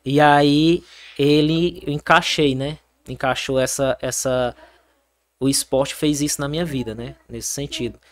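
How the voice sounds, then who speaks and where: Young Brazilian soldier guest, lively storyteller who restarts often. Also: male voice, mid-range voice, measured pace. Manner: animated storytelling, many fillers and restarts. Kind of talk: casual interview.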